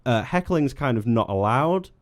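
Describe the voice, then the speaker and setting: At a normal speed and in an expressive, medium-pitched voice, a young man presents a live local radio program from a studio using a studio microphone. He chats freely, pokes fun at himself, and laughs easily alongside his guest.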